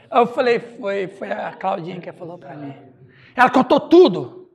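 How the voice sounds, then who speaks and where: A Brazilian male pastor telling a story in a Bible study, animated and laughing, acting out dialogue. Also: sits high, gravelly, slightly rough.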